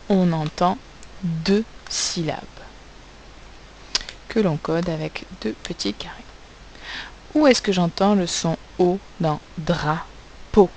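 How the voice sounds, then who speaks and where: Lady teacher doing a phonics lesson for little kids, super slow and careful, bit of hiss. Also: medium pitch, a little mellow, low-quality recording. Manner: slow, careful, spelling out sounds and letters. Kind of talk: recorded phonics lesson for young pupils.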